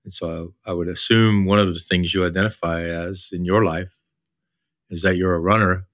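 An older man hosts a coaching podcast in an informal, explanatory way. His voice sits low and has a bright, firm edge. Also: steady tone, normal speed. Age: older, baby boomer. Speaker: podcast host and leadership coach.

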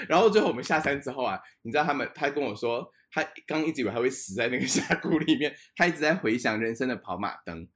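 A young man co-hosting a podcast, telling a travel story in a lively way, laughing often and dropping in English words. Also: mid-range voice, quick pace. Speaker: podcast co-host. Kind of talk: casual chat, storytelling.

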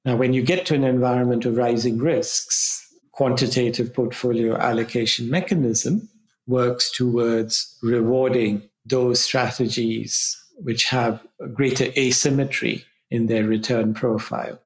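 A man's voice: mid-range voice, fairly even intonation, measured pace. A man speaking as an expert guest, explaining in an interview style.

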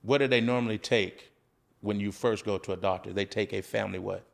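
A man's voice: lowish voice, steady tone, brisk, creaky. A man who is a former coach, talking as a podcast guest in an earnest, preacher-like way, often asking rhetorical questions. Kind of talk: conversational storytelling with preaching.

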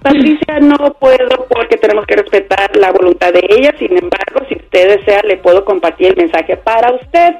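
Una mujer lectora de ángeles da consejos espirituales en la radio, con voz calmada y suave, y su línea telefónica se corta. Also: female voice, medium pitch, normal speed, hardly any pauses, husky, faint music behind. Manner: calm, soothing, addresses callers formally. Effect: phone line cutting out. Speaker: angel reader guest. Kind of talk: spiritual advice on call-in radio. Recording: muffled phone-line sound.

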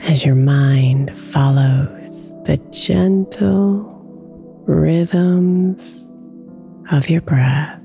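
A woman guiding a sleep meditation with affirmations, speaking softly and slipping into whispers, over soft music in the background. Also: deep voice, gravelly. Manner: slow, soft-spoken, drifting into whispers. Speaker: meditation guide.

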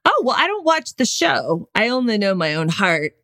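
A woman's voice: mid-range voice, very animated, normal speed, a bit bright, no room sound, studio quality. An American woman co-hosting a podcast in casual chat, with a playful, joking manner. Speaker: podcast co-host. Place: small bathroom in a forest cabin.

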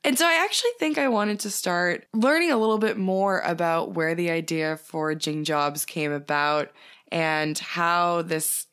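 A woman's voice: sits low, a bit bright, smooth. A woman hosting an interview podcast, reading a scripted intro and then chatting with a guest in an upbeat, enthusiastic way. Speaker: podcast host.

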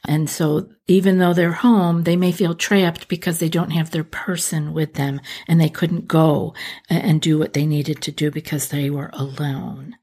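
A woman hosting a podcast, speaking to the listener directly in a gentle, reassuring way. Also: low-pitched, flat delivery, measured pace, slightly rough. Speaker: podcast host. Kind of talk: calm reassuring self-help talk to the listener.

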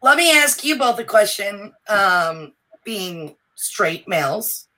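A woman co-hosting a casual chat, animated and swearing freely. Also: medium pitch, takes it slowly, poor audio. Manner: animated, swearing, laughing often. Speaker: podcast co-host.

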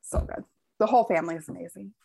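A woman's voice: lowish voice, quick pace, creaky, mellow, breathy edge. Breezy woman summarizing a book pick. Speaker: podcast co-host pitching a book pick. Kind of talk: casual book chat among friends.

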